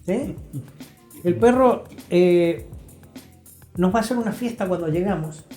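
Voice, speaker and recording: Speaking a little slowly in a high-pitched, soft, mellow voice, an Argentine health professional appears as an interview guest. He explains and gives advice conversationally but emphatically, repeating phrases to drive points home. The room is echoey and music plays behind him.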